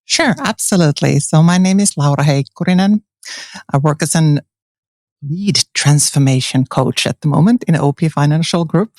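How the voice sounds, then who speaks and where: At a conference venue, a woman whose first language is Finnish answers interview questions earnestly as a guest, a transformation coach. Her low, darkish voice moves at normal speed, full of fillers and restarts. The sound is dry and close, with no room echo.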